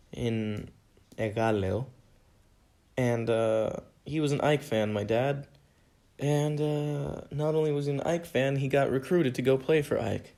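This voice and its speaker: On his solo podcast, a young man from the United States responds to listener questions earnestly, rambling and repeating himself. His voice is mid-range and a bit mellow.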